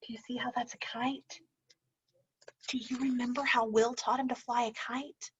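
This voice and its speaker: A woman teacher's husky voice, on the high side and at normal speed, reads a picture book to children. She tells it with animation and pauses often to quiz the kids with questions. The recording is dull and lo-fi.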